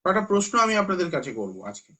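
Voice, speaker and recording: A man's voice: high voice, big pitch swings, rapid-fire, bright, forceful tone. A man with a Bengali accent, an astrologer on a live stream, lecturing viewers earnestly and urging them to listen.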